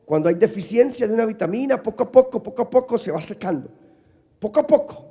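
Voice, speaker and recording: A male pastor preaching a sermon, leading the congregation in call-and-response and building up to shouts. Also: high voice, expressive, fast talker, breathy edge, in a large hall. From Costa Rica. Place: church sanctuary.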